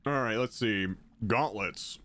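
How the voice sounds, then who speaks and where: A man's voice: fairly low pitch, takes it slowly, a bit bright. A young man streaming a game, chatting and joking with his viewers while eating. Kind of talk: casual livestream chat.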